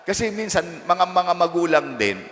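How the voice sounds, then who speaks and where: A male parish priest gives a conversational homily in a church, his high-pitched voice very animated, a bit bright, and at normal speed. He playfully teases his listeners with asides and keeps asking them rhetorical questions. A long church reverb trails his words.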